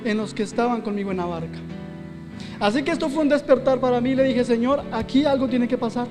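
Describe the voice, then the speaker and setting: A male pastor preaches in a church hall and tells his own story. His voice sits very high for a man, and it rings with a long reverb while soft music plays under him. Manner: personal testimony, quotes himself and his wife aloud. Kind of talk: sermon.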